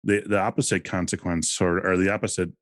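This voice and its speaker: A man's voice: low voice, flat delivery, brisk, dry recording, studio quality. A man co-hosting a casual podcast, giving reflective advice in a conversational way. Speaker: podcast co-host.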